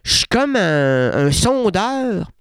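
A man's voice: high-pitched, big pitch swings, takes it slowly, fairly bright tone, smooth, dry recording, studio quality. A man with a Québécois accent, a radio host, delivering a surreal comic monologue in a playful, rambling way full of wordplay and restarts. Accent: Québécois French. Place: radio studio.

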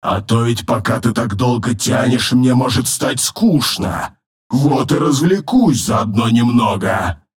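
A man voicing an arrogant, cruel male demon lord in an audiobook, his rough, rumbling voice thickened with a layered demonic effect. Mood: mocking menace. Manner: slow, menacing, commanding. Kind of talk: audiobook narration with voiced characters.

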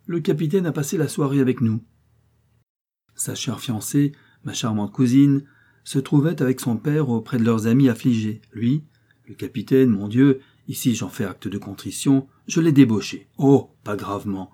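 A man's voice: medium pitch, normal speed, warm tone, slightly rough, pitched above the performer's own voice, close to an everyday voice. A man voicing a suave young male count who talks with polished, courteous irony. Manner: polished, courteous, slightly ironic.

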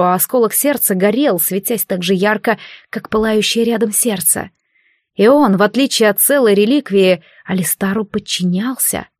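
A woman reads a fantasy tale aloud in a measured, dramatic way, her voice at a middle pitch. The sound is close and dry, with no room echo. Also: darkish tone. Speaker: narrator. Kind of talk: audiobook narration.

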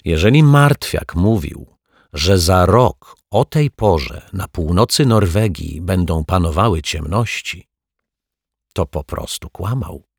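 A sensible, calm detective from a children's audiobook, voiced by the male reader. He speaks in a matter-of-fact way, gentle but firm. His voice is low and husky, with an unhurried pace. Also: no room sound, studio quality, exaggerated voice. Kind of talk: audiobook character voice.

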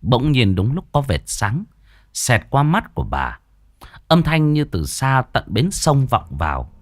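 A male storyteller narrates a horror tale dramatically. His pitch rises and falls with the tension, and the recording is close and dry. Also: wildly swooping pitch, measured pace, no echo.

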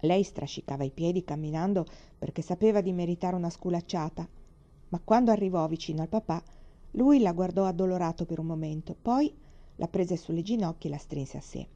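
A woman reading a children's storybook aloud in a calm, measured way. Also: lowish voice. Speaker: reader. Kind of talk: storybook narration. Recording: dull lo-fi recording.

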